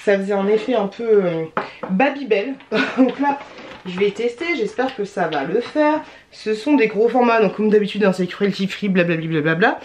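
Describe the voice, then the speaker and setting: A woman's voice: medium pitch, animated, moderate pace, background noise. A young adult woman vlogging in a chatty, rambling way, full of slang and fillers. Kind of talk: casual chat.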